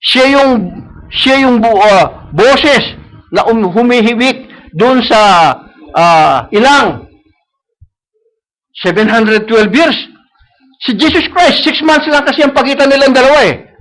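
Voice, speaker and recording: A male preacher, his voice pitched very high for a man. He preaches to a live congregation, returning to the same phrases again and again and checking that they follow him. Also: expressive, slow, a bit bright, low-quality recording. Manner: mixes English phrases into Tagalog, repeats key phrases; asks the congregation for agreement. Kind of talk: sermon. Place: church service.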